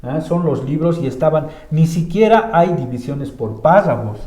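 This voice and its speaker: A man's voice: on the high side, animated, normal speed, dark tone. Bolivian man teaching Bible, roomy sound. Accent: Bolivian Spanish. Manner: explains with many filler tags and restarts. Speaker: church teacher. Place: church room. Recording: roomy echo.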